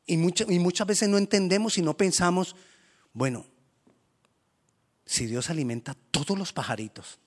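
A man preaching a sermon as pastor, animated and acting out quoted voices. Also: high voice, moderate pace, long pauses.

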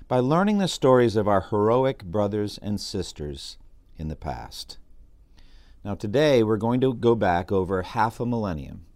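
Earnest low-voiced male podcast host. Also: no room sound. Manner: earnest, preacherly, reads quoted passages with dramatic lift. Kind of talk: solo podcast narration on church history.

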